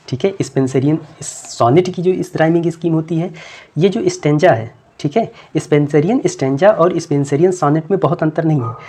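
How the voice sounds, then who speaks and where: Mellow-voiced man drilling exam answers. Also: fairly high pitch. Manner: quizzing, repeats each answer back to students; reads English questions out slowly, word by word. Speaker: English literature teacher. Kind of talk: exam-prep lecture.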